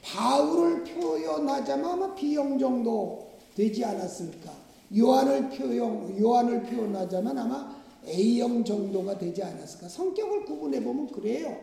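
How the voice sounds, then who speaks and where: High, gravelly-voiced male preacher in echoey hall. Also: expressive, a little slow, mellow. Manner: conversational preaching with rhetorical questions. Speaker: pastor. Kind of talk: sermon.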